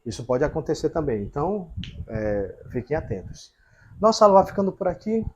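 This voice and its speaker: A man's voice: on the high side, big pitch swings, brisk, lo-fi sound, slight background noise. A man teaching a grammar lesson at a whiteboard, explaining step by step and checking in with the viewers.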